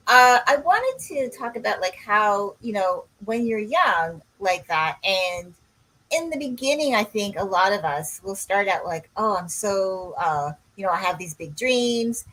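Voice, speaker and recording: A woman's voice: medium pitch, lively intonation, a little slow, pushed and bright, poor audio. A woman, a coach co-hosting a podcast in casual chat, rambling and drifting off on tangents. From Canada. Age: 60s.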